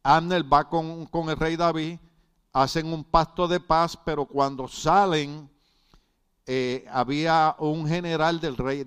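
Preaching to his congregation, this man from Puerto Rico has a fairly high, slightly bright and clean-toned voice. He cracks jokes, repeats himself, and frequently asks "right?" to make sure everyone is with him.

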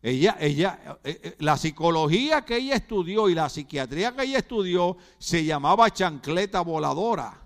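A man's voice: fairly high pitch, lively intonation, moderate pace, hardly any pauses. A middle-aged Puerto Rican man preaching a sermon, throwing rhetorical questions at the congregation with humorous asides. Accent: Puerto Rican Spanish. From Puerto Rico. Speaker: pastor.

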